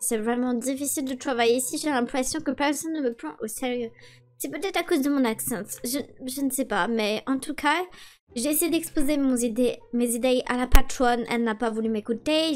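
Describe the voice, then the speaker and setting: Naive, enthusiastic foreign office newcomer, voiced by a woman; high and chatty. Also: moderate pace, close to an everyday voice. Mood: eager. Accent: foreign accent, put on. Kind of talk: amateur game role-play voice acting.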